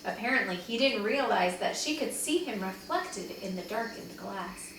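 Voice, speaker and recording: In a very echoey room recorded from a distant mic with faint noise, a woman teacher gives an expressive storybook read-aloud for a second-grade class. Her mid-range voice moves at a normal speed, and she brings the dialogue to life animatedly for the children.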